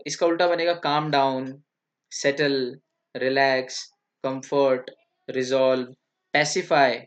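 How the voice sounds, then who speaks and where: A man's voice: fairly high pitch, fairly bright tone. A man teaching a classroom vocabulary lecture, listing synonyms and spelling words out letter by letter. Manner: lists synonyms and spells words out, often adds "hai na". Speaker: English teacher.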